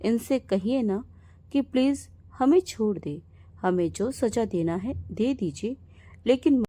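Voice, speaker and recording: A woman's voice: a little high, expressive, slow pace, dark tone. A woman voicing a frightened young wife who pleads through tears in a storybook tale. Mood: alarmed. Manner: fearful, pleading.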